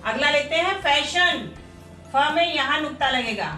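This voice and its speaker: A Hindi teacher with a high, bright voice and lively intonation reads word lists aloud in a classroom lesson, running slow, deliberate pronunciation drills and asking rhetorical questions. Her room is echoey, and faint music plays behind her.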